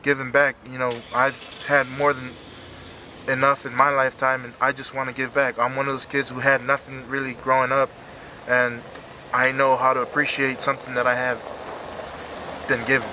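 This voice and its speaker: Emotional man, bright forceful voice, halting delivery. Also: mid-range voice, flat delivery, slight background noise, poor audio. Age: 30s. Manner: halting, earnest, repeats himself. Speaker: retiring fighter being interviewed. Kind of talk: emotional post-fight interview, unscripted.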